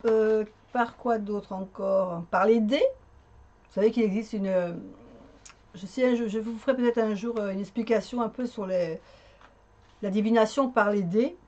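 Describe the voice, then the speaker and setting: A woman's voice: medium pitch, measured pace, dark tone, dull audio. A woman vlogger chatting casually to her viewers, with lots of hesitant fillers and restarts. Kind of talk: casual chat.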